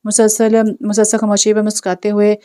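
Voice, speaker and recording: A woman narrating a romance novel as an audiobook in a calm, even storytelling manner. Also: medium pitch, fairly quick, clear, resonant tone.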